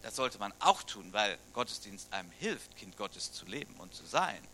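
This middle-aged pastor from Germany speaks on the low side with big swings in pitch, at normal speed, in a bright and forceful tone. He preaches conversationally and keeps asking the congregation questions; there's a little hiss or hum.

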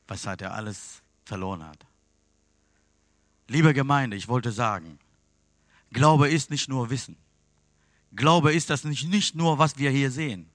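In a mid-range voice, a man preaches to a congregation with broken grammar, earnestly swinging between loud urging and quiet pleading. There is no room sound.

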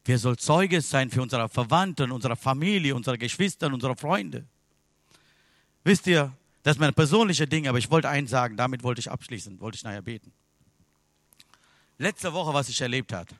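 A man preaching a sermon in non-native German with grammar slips, swinging from loud, impassioned passages to hushed ones. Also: mid-range voice, lively intonation, moderate pace, no room sound, clean studio sound. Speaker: pastor. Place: church service.

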